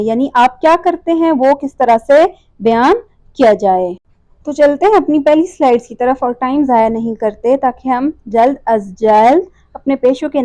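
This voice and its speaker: High-voiced woman teaching vocabulary. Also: mellow, dry recording, poor audio. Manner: repeats each word slowly, asks and answers own questions. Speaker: language teacher. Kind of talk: slide-based language lesson.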